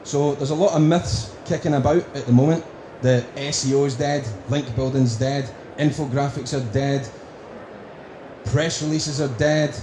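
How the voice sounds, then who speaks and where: A man with a broad Scottish accent giving a prepared conference talk, speaking deliberately in emphatic lists. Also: medium pitch, steady tone. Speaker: conference speaker, company director. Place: indoor conference room. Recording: roomy, echoing venue with faint noise.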